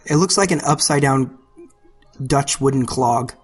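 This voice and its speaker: A woman's voice: a bass voice, a little slow, husky, soft background music. A woman hosting a podcast, chatting playfully and teasing her co-hosts. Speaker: podcast host. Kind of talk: casual chat.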